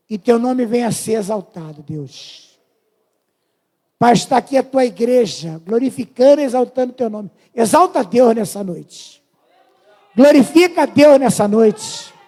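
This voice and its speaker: High-voiced fervent preacher in his fifties. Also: darkish tone. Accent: Brazilian Portuguese. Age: 50s. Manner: fervent, pleading with the congregation. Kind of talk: sermon testimony.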